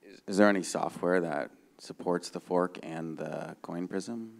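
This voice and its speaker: Holding a handheld mic on a conference room stage before a seated audience, this middle-aged software developer and panelist speaks low, with noticeable fry, a steady tone and a measured pace. He explains technical points informally and checks that listeners understand by asking "right?"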